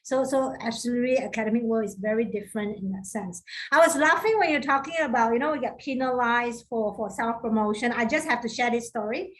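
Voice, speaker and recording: Brisk, higher-pitched woman moderating a panel. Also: a little hiss or hum, poor audio. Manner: brisk, directs speakers by name. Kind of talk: online panel discussion.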